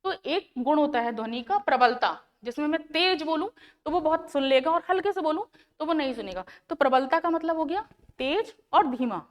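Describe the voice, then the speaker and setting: A woman science teacher with a high voice and a North Indian Hindi accent teaches schoolchildren. She asks questions and answers them herself, patiently repeating each key term. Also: lively intonation, moderate pace. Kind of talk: classroom lesson explaining to children.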